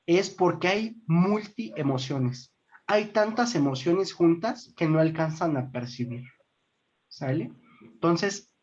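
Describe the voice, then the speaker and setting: A woman's voice: fairly low pitch, a little mellow. A woman with a Mexican accent leading a formation class. She explains step by step, keeps checking that her listeners follow, and addresses them as brothers and sisters. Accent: Mexican Spanish. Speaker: formation instructor. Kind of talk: online group class. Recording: dull lo-fi recording.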